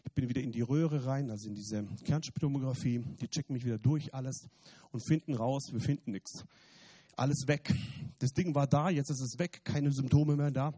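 Passionate husky preacher. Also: male voice, mid-range voice, moderate pace. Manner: passionate, swings from loud emphatic bursts to quiet; repeats phrases, restarts words. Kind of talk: sermon; testimony. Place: church.

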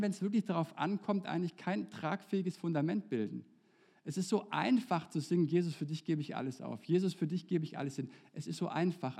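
A man preaching a sermon in German, asking his listeners direct questions and slowing down to stress key phrases. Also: high voice, mellow. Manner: earnest, asks the congregation direct questions; acts out quoted lines in a raised voice.

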